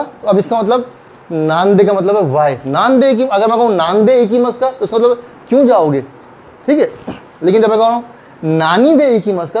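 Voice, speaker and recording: A man with an Urdu accent teaching Japanese grammar, patiently repeating example phrases slowly. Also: high-pitched, darkish tone, slight background noise. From Pakistan. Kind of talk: explaining grammar in a recorded lesson.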